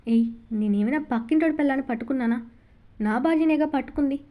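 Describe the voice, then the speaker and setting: A woman's voice: high-pitched, fast, warm tone, lightly acted. A woman voicing a young man, an ardent and tender loving husband, in an audiobook novel reading, with a fond, coaxing manner.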